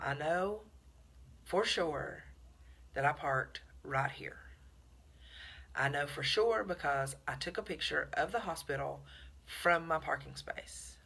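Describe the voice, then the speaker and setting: A middle-aged woman, telling a story in a chatty, animated vlog to her viewers. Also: low voice. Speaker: vlogger. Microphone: phone camera.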